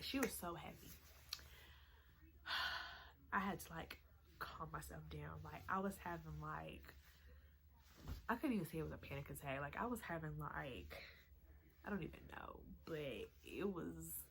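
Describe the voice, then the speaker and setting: A woman around twenty telling a storytime vlog in a chatty, excitable way, full of "like" and "y'all". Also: on the low side, slight background noise, poor audio. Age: 20s. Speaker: vlogger.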